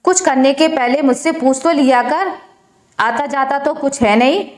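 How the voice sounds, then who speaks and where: A sharp-tongued older mother-in-law, as a woman storyteller voices her nags and scolds in a fairly high voice. The narration has a roomy echo around it. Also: measured pace. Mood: scolding. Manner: sharp, nagging.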